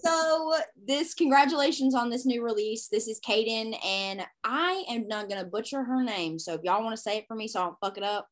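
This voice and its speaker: A woman's voice: fairly high pitch, brisk, few pauses. A woman with a Southern US accent hosting a podcast, telling stories animatedly and acting out quotes. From American South. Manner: animated storyteller who acts out quotes, swears freely. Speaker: podcast host. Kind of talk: casual chat.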